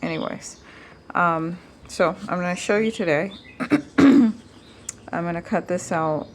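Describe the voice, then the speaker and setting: A woman's voice: lowish voice, slow, slight background noise. A woman giving a casual hands-on DIY demonstration to viewers, informal and thinking aloud as she goes. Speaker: DIY tutorial host.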